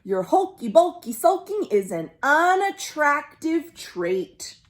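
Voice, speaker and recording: A woman's voice: high-pitched, sing-song, takes it slowly, heavily acted. A woman voicing a chiding sea creature in an emphatic, rhyming storybook delivery. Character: sea creature friends scolding a gloomy fish.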